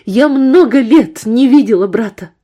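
A woman's voice: on the high side, lively intonation, a little slow, mellow. A woman voicing a frightened young woman who pleads desperately with her abuser in an audiobook. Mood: desperate pleading.

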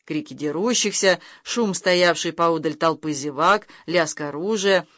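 An audiobook narrator telling a historical story in an even, measured way, reading footnotes aloud on a close studio mic. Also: medium pitch, no room sound. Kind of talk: scripted narration.

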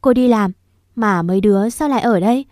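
A woman's voice: mid-range voice, brisk, a little mellow, no room sound, studio quality, natural voice. A woman voicing a caring but stern young aunt who scolds and questions children.

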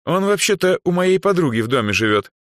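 A man voicing a shy but proud young dark elf girl in an audiobook, talking hesitantly, then haughtily, in a much higher voice. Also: big pitch swings, brisk, dry recording, clean studio sound. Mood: haughty.

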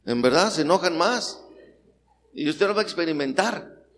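A man's voice: on the high side, expressive, normal speed, fairly bright tone. A middle-aged Mexican man preaching a sermon, rousing the congregation with questions, in a Mexican Spanish accent. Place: church hall. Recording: long hall reverb, faint noise.

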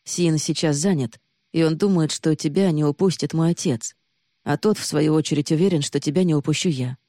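A woman reading the lines of a young man who is harsh and reproachful, then hushed and urgent. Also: sits low, fairly quick, no room sound, studio quality, close to an everyday voice. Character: young man, accusing, then desperately protective.

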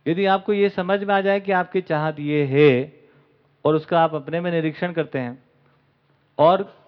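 A man's voice: a little high, measured pace. Man lecturing a camp audience, lo-fi. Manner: asks the audience rhetorical questions; mixes English words into Hindi speech. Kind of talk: spoken lecture to a live audience. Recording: dull lo-fi recording.

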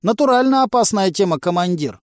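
A man's voice: high voice, lively intonation, brisk, dry recording, studio quality, voice pushed up. A man putting on a whiny jittery stoner. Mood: pleading. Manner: whiny, pleading, squeals. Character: jittery young male stoner moonshiner, cowardly. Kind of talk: audiobook character voice.

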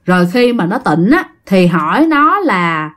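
A woman's voice: medium pitch, very animated, measured pace, fairly bright tone. A woman, telling a ghost story in a chatty way and speaking straight to her listeners. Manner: chatty, addresses listeners directly.

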